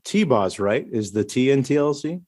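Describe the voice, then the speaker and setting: Animated joking man, lively pitch. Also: normal speed. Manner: laughs often, swears freely. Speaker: podcast co-host. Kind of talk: casual comedic chat.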